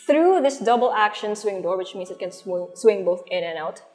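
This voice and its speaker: In a medium-pitched, darkish voice with lively intonation and a moderate pace, a young Filipino-accented woman casually shows off a house. She chats her way through large empty rooms, whose long reverb fills the recording over background music.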